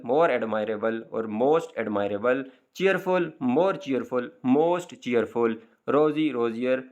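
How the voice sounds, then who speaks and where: A man explaining an English grammar lesson, slow and careful, reading example sentences deliberately and correcting himself as he goes. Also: medium pitch. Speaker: teacher.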